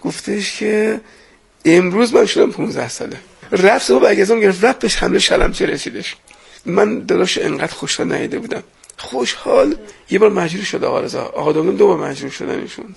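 A man with a high, rough, gravelly voice tells stories about his brothers at the front. His voice is very husky and strained. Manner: storytelling, quotes family members. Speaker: brother of fallen soldiers. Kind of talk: emotional interview recollection.

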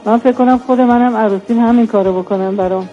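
A woman's voice: a little high, steady tone, narrow, tinny audio, soft background music. A woman from Iran calling in to a radio show, chatting in a friendly, casual way. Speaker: radio caller. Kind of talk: casual call-in chat.

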